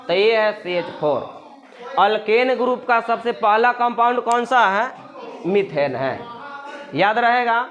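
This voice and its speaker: A man's voice: high voice, fairly bright tone. A man. He keeps asking the class questions, answers them himself, and repeats the key terms. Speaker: science tutor. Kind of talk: classroom chemistry lesson.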